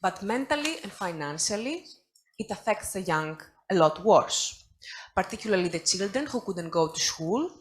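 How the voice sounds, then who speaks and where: A young woman giving a prepared speech as a conference panelist over a video call, brisk with wry asides. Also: medium pitch, lively intonation, a little hiss or hum, poor audio. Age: young adult.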